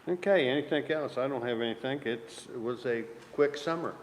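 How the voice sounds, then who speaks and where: A man chairing a public school board meeting, relaxed and informal, often trailing off softly. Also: mid-range voice, a little fast. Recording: echoey room with long reverb, faint noise.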